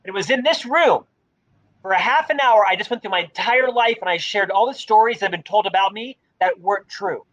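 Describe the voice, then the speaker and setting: A middle-aged man with a high, slightly quick voice tells stories energetically, a mild stutter running through his speech. He's a leadership author appearing as a podcast guest in a conversational interview, and the recording sounds muffled.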